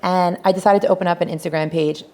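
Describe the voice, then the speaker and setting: An American woman in her thirties, a business founder telling her story in a casual interview, chatty and animated. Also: on the low side, fast talker. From United States.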